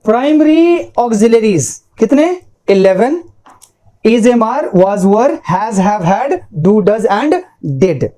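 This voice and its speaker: A woman's voice: on the high side, animated, very slow, mellow. A woman teaching English grammar in Hindi with English terms, often checking in with the class and reciting word lists like a poem. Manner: repeats points and checks in with "ठीक है?".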